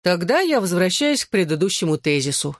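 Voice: mid-range voice, big pitch swings, fairly quick, no echo, studio quality. A reader voicing a blunt, mocking teenage girl in an audiobook. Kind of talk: audiobook character voice.

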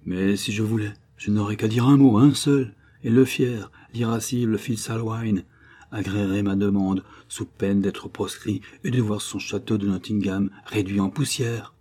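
Man playing earnest young knight, courteous, low husky voice. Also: steady tone, normal speed, warm tone, natural voice. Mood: proud.

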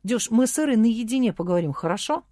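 A woman reading an audiobook, voicing a lively, cheeky young woman writer who blurts things out eagerly. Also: on the high side, quick pace, no room sound, clean studio sound, voice pushed up, natural voice. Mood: eager, blurting.

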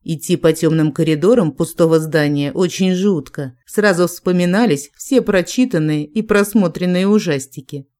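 An audiobook narrator reading a fantasy novel in an even, unhurried manner. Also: medium pitch. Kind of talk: scripted narration.

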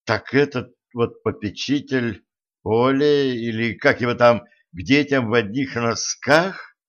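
A man's voice: mid-range voice, unhurried, fairly bright tone, highs cut off, natural voice. A man voicing a fierce, impatient warrior princess. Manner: bloodthirsty, impatient, pushy. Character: fierce hot-tempered young woman warrior princess.

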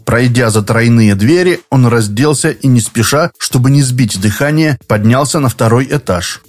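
A man narrating an audiobook in a measured, expressive storytelling manner. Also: mid-range voice, faint music behind.

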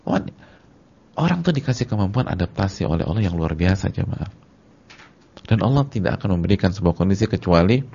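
A man giving a sermon to his congregation in casual slang, repeating words for emphasis and swinging between loud and soft. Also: lowish voice, vocal fry. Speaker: Islamic preacher. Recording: dull lo-fi lecture recording.

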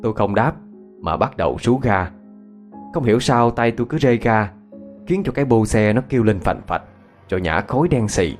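A man with a Southern Vietnamese accent narrating a ghost story in an expressive way. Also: fairly low pitch, moderate pace, faint music behind.

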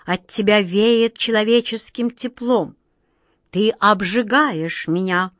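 A proud, impatient queen made of wind and ice, as a woman reading a fairy tale puts her on. She speaks in slow, drawn-out commands and turns shrill as her anger grows. The recording is close and dry. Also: fairly bright tone, no room sound. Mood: angry. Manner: imperious and shrill, drawn-out words.

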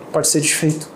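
A man giving a channeled spiritual teaching as a medium, piling up repeated phrases and rhetorical questions and clearing his throat often. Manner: repetitive lists and rhetorical questions. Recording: roomy echo, faint background noise.

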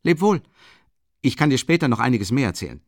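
A man reading an excitable young man who rambles and breaks off mid-sentence. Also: medium pitch, fairly quick, no echo, clean studio sound. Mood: emphatic. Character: agitated young man, excitable, talkative friend.

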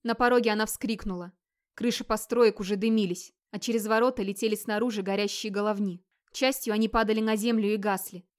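A woman narrating a dramatic audiobook in a steady storytelling voice. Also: a little high.

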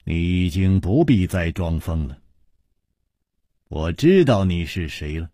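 A man voicing a calm, confident swordsman hero who speaks in an unhurried, teasing way. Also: mid-range voice, breathy edge, no room sound, clean studio sound, full character voice.

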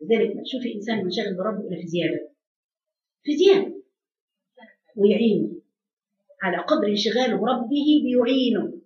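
A woman's voice: medium pitch, fast, a little mellow. A woman preacher with an Egyptian accent giving a religious lesson, fervent and full of repeated rhetorical questions. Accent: Egyptian Arabic. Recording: echoey, distant, dull lo-fi sound.

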